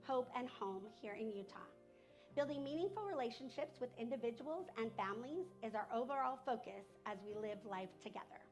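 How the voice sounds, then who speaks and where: Woman reading a nonprofit promo script, higher voice, quiet music under it. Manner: measured, polished delivery. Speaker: nonprofit director. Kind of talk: scripted video narration.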